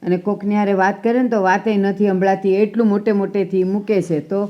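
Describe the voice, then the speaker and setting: A woman's voice: mid-range voice, steady tone, a little fast, lightly acted. A woman acting a stubborn older grandmother who scolds and defends her quarrel with the neighbour, in a family drama. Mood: scolding. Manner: indignant, scolding. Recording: dull, muffled sound.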